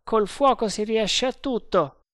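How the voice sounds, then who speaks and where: A man voicing an excitable, loyal sergeant who speaks in loud, eager exclamations. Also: high-pitched, unhurried, no echo, studio quality, pitched above the performer's own voice. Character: excitable loyal male sergeant, keen and blunt.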